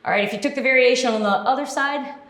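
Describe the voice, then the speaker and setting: Leading a workout, this aerobics instructor gives brief, upbeat directions and counts out each move. She speaks quickly in a high, fairly bright voice, captured in an echoey, roomy space.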